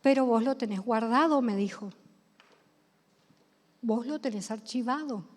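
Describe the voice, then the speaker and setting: A woman's voice: fairly high pitch, a little slow, darkish tone. A woman preacher with a Rioplatense accent, delivering a sermon, telling stories and asking the congregation questions. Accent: Rioplatense Spanish. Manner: storytelling, asks the congregation questions. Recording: long hall reverb.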